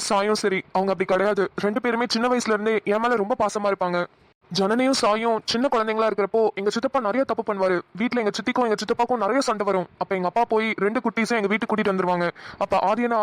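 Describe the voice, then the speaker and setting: A man voicing a reflective, affectionate young husband in a cartoon who explains himself calmly. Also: high-pitched, fast, no echo, rough recording. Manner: calm, explaining at length. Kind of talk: Tamil cartoon voice acting.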